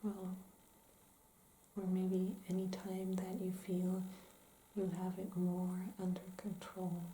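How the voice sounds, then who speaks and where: A woman playing a calm, gentle therapist in an ASMR role-play, asking careful, hesitant questions in soft-spoken ASMR style. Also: on the low side, slow pace. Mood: calm, attentive. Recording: roomy echo, faint background noise.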